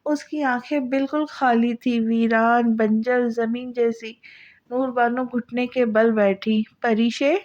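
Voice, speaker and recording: A woman's voice: on the high side, steady tone, a little mellow, muffled recording. A woman narrating an Urdu novel as an audiobook in an emotional, dramatic way. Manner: emotional, voices the characters' cries.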